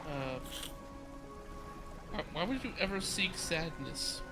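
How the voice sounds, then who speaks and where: A man's voice: on the high side, lively intonation, slow, music in the background. A man chatting casually as a guest on a game stream. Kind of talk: casual chat.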